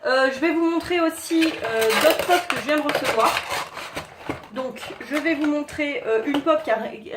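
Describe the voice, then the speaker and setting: A woman chatting casually to viewers while showing her collectible figurines, in a halting way with many fillers. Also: sits high. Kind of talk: casual unboxing chat. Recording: echoey room, faint noise.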